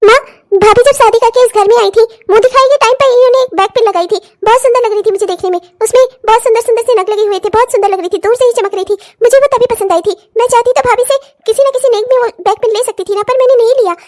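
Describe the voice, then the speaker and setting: A woman's voice: extremely high pitch, very fast, few pauses, darkish tone. Woman doing a spoiled, whiny young sister-in-law. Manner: whiny and sulky. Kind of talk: cartoon voice acting.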